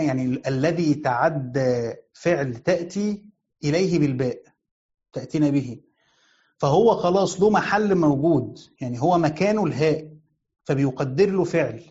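A sheikh with an Egyptian Arabic accent delivers an explanatory lecture on Quran commentary, posing questions and answering them himself while repeating key phrases. His male voice sits fairly high with a warm tone, and the highs are cut off.

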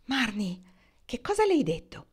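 A woman reading aloud voices a blunt, quick-tempered young woman who answers curtly in a raised voice. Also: on the high side, big pitch swings, breathy edge, pitched above the performer's own voice, full character voice. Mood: sharp.

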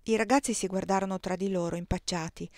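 A woman audiobook reader narrating a novel in the first person, expressive, dropping to a soft hush at quiet moments. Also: mid-range voice, fast talker, no echo, clean studio sound.

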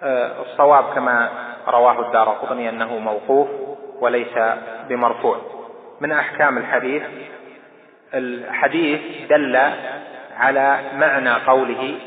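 A male scholar gives a measured, deliberate lesson with long thinking pauses. His voice comes through a thin, phone-like band with a roomy echo and long reverb, as on an old lecture tape. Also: medium pitch. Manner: measured, deliberate teaching with drawn-out hesitations. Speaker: Islamic scholar teaching hadith. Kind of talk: scholarly lesson explaining a hadith. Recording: tinny, echoey old lecture recording.

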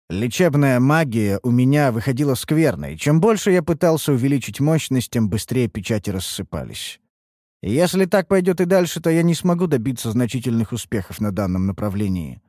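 Give me a male audiobook narrator with a mellow voice reading in a dry, close sound, expressive and wry. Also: mid-range voice, no room sound. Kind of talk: first-person fantasy audiobook narration.

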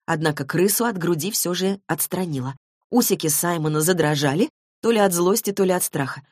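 Low-voiced woman narrating an audiobook. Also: expressive, a little fast, darkish tone, dry recording, studio quality. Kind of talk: scripted narration.

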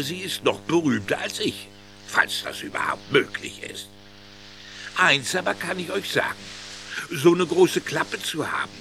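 A man's voice: on the high side, exaggerated voice. A man playing an old, boastful male bear sea captain who narrates tall tales to his grandchildren in a children's audio play. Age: older. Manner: boastful, rambling tall-tale teller. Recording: loud background music. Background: music.

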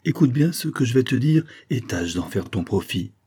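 A man reading a novel aloud, voicing a sly, mocking nobleman who speaks calmly and sneers. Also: medium pitch, moderate pace, husky, voice pushed up. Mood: cold. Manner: cool and sneering.

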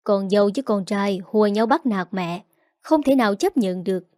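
A woman's voice: mid-range voice, moderate pace, warm tone, dry recording, clean studio sound, lightly acted. A woman reading a storybook, voicing a judgmental village man who scolds and accuses. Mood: scornful.

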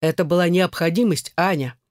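A man's voice: high-pitched, fairly quick, no echo, clean studio sound, lightly acted. A man reading an audiobook voices a hot-tempered young husband who growls through his teeth. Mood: defiant.

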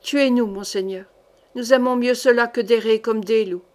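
Here is a terrified hired thug from a historical novel, spinning a long, breathless tale of horror to his duke. He swears and pleads as he talks, as a woman reader plays him. The voice sits slightly high. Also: fairly even intonation, normal speed, a little mellow, lightly acted. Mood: fearful pleading. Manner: rambling, dramatic storytelling. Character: frightened male henchman pleading with a duke.

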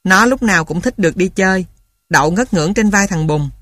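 A woman narrating a childhood story for an audiobook in a calm, even reading voice. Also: mid-range voice, fairly quick, dry recording, studio quality.

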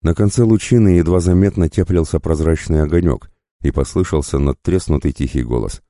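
A man reading a dark fantasy story aloud as an audiobook narrator, in a measured, grave way. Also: rumbling low, no room sound, studio quality.

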